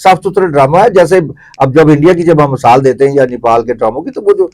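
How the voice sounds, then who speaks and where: On the high side and darkish in tone, this man's voice belongs to a middle-aged or older theatre commentator with a Pakistani accent. Appearing as an interview guest, he explains discursively and reflectively.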